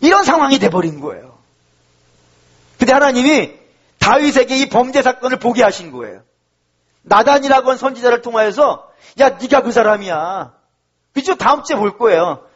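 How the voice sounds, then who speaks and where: A man's voice: very high-pitched, very animated, a little fast, pauses often, slightly rough, dull audio. A middle-aged male pastor preaching an impassioned sermon, acting out pleading prayers as he goes.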